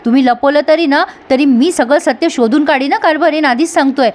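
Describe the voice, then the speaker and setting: Hot-tempered young husband, voiced by a woman, urgent and loud. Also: high-pitched, a little fast, natural voice. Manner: shouting, urgent.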